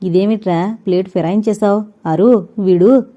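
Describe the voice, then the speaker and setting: Peevish husband, read by a woman: young man, grumbling, indignant, mellow low tone. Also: normal speed, lo-fi sound, natural voice. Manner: whiny, indignant.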